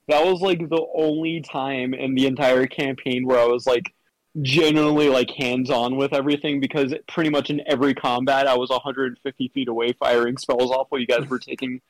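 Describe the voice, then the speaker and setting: A man chatting on a podcast, halting and prone to restarting his sentences mid-thought. The recording is dry and close, with hardly any room sound. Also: mid-range voice, fairly even intonation, dry recording, poor audio. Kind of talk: casual chat.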